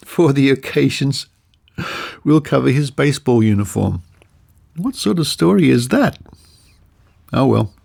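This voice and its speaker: A middle-aged or older Australian man with a medium-pitched, gravelly voice presents a podcast, reading old newspaper articles aloud. He takes a measured, storytelling approach and adds asides along the way.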